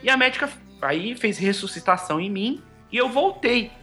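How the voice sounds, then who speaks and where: A young man, telling his story as a guest in an animated, casual way, acting out quoted dialogue. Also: sits high, normal speed, soft background music. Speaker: podcast guest.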